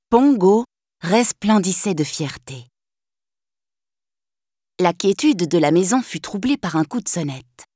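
A woman narrating a children's storybook in a clear, gently expressive reading. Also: medium pitch, dry recording, studio quality.

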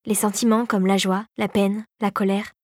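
A woman voicing a grave, regal fairy queen in a storybook reading, speaking in a solemn, measured way. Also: mid-range voice, flat delivery, no echo, studio quality, close to an everyday voice. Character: grave, regal female sugar plum fairy.

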